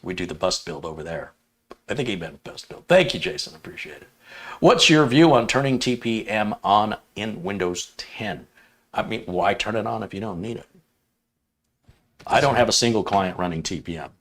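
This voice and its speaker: A man's voice: lowish voice, lively intonation, moderate pace, fairly bright tone. A man co-hosting a live stream, chatting casually, reading out viewer comments and teasing with dry jokes. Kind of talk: casual banter and reading viewer chat aloud.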